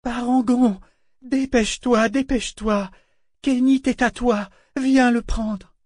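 A man voicing an ancient female living ship figurehead, stern, thunderous at times and soft but firm at others. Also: very high voice, fairly even intonation, slow, no room sound, studio quality, pitched above the performer's own voice, heavily acted. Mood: urgent commanding.

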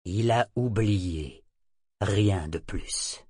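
A man voicing an ancient male sea serpent leader who speaks softly and gravely, without emotion. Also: dry recording, studio quality, full character voice. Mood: ominous. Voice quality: husky, low and unhurried. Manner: soft, emotionless, slow and grave. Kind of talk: audiobook character voice.

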